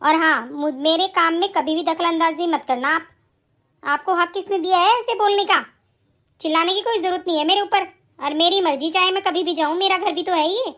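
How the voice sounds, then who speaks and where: A stubborn, spoiled young married daughter, voiced by a woman in an animated story. Her voice sits very high, and she argues back with scorn and defiance. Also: fairly quick. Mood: scornful.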